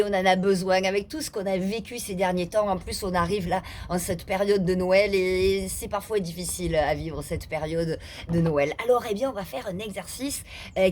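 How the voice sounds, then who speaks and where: A middle-aged woman leads a laughter yoga session in a playful, demonstrative way. She talks her listeners through each exercise, pausing on hesitations and often slipping into laughter. Her voice sits at an ordinary pitch for a woman. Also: a little mellow, slight background noise. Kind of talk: guided exercise class.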